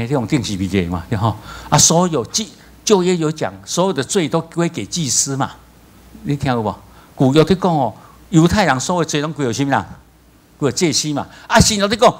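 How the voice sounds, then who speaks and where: A male pastor with a Taiwanese accent preaching a sermon, telling stories with lively acted-out voices. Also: on the high side, quick pace. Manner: animated storytelling, acts out voices, laughs.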